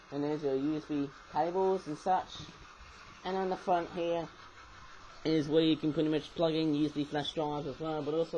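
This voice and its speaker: On a rough webcam recording with a faint hiss, a man rambles through a casual toy review in a slightly high, darkish, just-woken croak. He loops back, restarts sentences and tosses in chatty asides.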